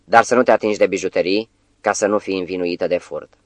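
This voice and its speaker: A man's voice: deep voice, no echo, close to an everyday voice. A man reading as an exultant new witch. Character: exultant young woman turned witch.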